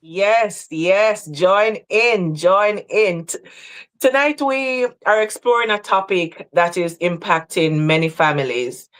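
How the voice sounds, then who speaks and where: A woman from Jamaica hosting a livestream talk, speaking in an earnest, measured way. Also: medium pitch. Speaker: host.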